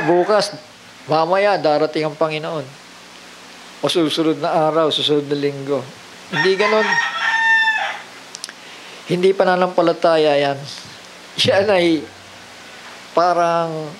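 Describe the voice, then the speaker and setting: A man's voice: on the high side, heavy background noise. A man preaching a sermon, mixing in English phrases and often asking the congregation rhetorical questions.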